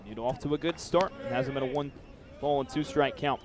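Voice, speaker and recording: A young American man with a mid-range voice speaks a little fast while giving live radio play-by-play of a baseball game. The recording captures the outdoor stadium's crowd and ambient noise.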